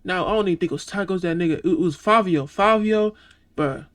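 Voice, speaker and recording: A man's voice: high-pitched, fast talker, a bit bright. A young man from Georgia with a Southern accent, talking loosely and profanely as he reacts to a video, often breaking into laughs. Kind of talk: casual reaction commentary.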